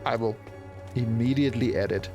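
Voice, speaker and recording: A man's voice: mid-range voice, fairly quick, darkish tone, faint music behind. A man streaming a game, chatting casually and laughing at himself often. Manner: self-deprecating, laughs often. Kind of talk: casual gameplay chat.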